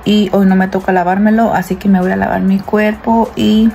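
A thirty-something stay-at-home mom vlogs from home, in her kitchen and bedroom, with her phone at arm's length, chatting casually to viewers she calls "girls." Her medium-pitched voice is warm but flat, with vocal fry and a moderate pace, and soft music plays underneath.

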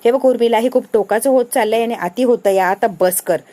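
Woman reading a patient motherly lady, gentle and coaxing. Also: on the high side, brisk, close to an everyday voice.

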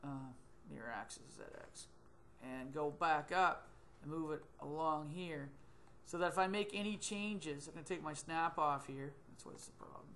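Recorded on a desktop computer mic in a small indoor room, a middle-aged tutor with a fairly high, slightly bright voice talks through a 3D modeling job on screen. He thinks out loud, dropping ums and correcting himself mid-stream, while slight background noise sits under the audio and his webcam feed appears in a corner.

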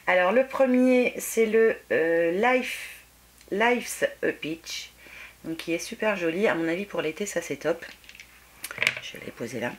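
A woman with a French accent chatting casually as she unboxes a gift parcel on her beauty vlog, exclaiming often and filling pauses with "euh". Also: fairly low pitch, background noise. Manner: chatty, exclaiming, many fillers. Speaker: beauty vlogger.

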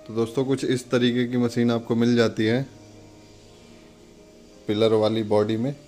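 In an unhurried, flat delivery, a man with a medium-pitched, slightly mellow voice guides viewers through a product demonstration step by step, casually noting details. Faint music sits behind his narration.

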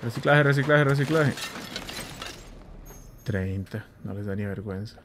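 A man chatting excitedly while playing a video game, with a Central American Spanish accent, making blaster sounds and joking. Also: lowish voice, a little slow, noisy background. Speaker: gameplay streamer. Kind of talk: casual let's-play commentary.

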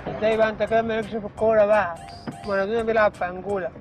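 A man with an Egyptian accent talks fast and high as a prankster taxi driver, spinning deadpan nonsense. He speaks from inside a taxi with music loud behind him. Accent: Egyptian Arabic. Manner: joking, rambling nonsense with a straight face. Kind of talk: hidden-camera prank banter.

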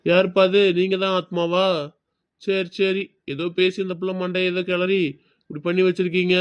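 A man's voice: high-pitched, monotone, moderate pace, clean tone, no room sound, muffled recording, natural voice. A man playing a cautious, money-minded film producer who agrees reluctantly in a web drama. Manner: reluctant, grumbling.

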